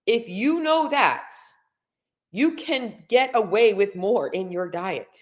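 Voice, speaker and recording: A woman in her forties coaching diet and fitness on a livestream, blunt and emphatic, with an over-caffeinated high energy. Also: animated, slow pace. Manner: blunt, salty-tongued. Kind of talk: casual motivational livestream talk to viewers. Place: room at home.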